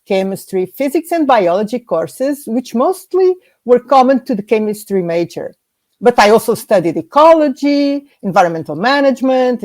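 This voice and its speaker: A woman from Portugal walks through her slides in a measured, orderly way. Her pitch moves a lot as she goes through each list. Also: a little mellow. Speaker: guest scientist presenting. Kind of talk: prepared slide presentation.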